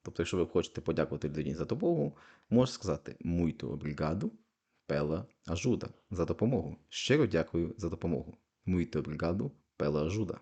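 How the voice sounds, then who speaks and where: Male tutor, deep mellow voice, patient step-by-step explainer. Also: very animated, fast, husky. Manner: patient, repeats each phrase twice with translation. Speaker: language teacher. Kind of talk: explaining Portuguese phrases in Ukrainian.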